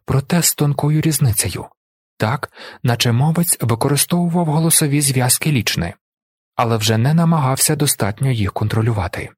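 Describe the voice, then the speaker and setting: A male audiobook narrator with a husky voice, reading in a measured, even way. The sound is close and dry. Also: medium pitch, no echo. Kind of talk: scripted narration.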